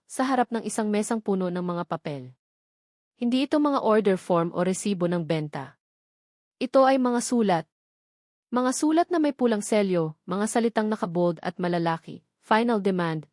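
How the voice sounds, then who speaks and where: Narrating a scripted, dramatic love story, a woman with a Filipino accent speaks in a medium-pitched, slightly mellow voice. The recording is dry and studio quality.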